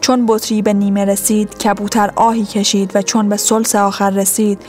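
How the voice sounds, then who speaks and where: A woman narrating a story in a steady, level reading voice. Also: mid-range voice, soft background music.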